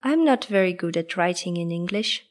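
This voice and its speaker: A woman voicing a friendly teenage schoolgirl in a scripted textbook dialogue, speaking clearly and carefully. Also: lowish voice, expressive, moderate pace, natural voice.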